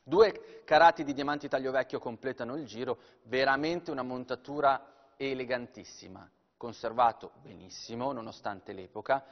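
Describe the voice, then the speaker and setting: Man, live TV auctioneer, descriptive sales patter, mid-pitched voice, long reverb, dull sound. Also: moderate pace, gravelly.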